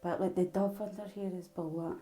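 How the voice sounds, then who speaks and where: A woman's voice: lowish voice, fairly even intonation, brisk, dark tone, low-quality recording. A Scottish woman with a Glasgow accent, giving a casual, rambling tarot reading straight to the viewer. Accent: Glaswegian Scottish. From Glasgow, Scotland. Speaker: tarot reader.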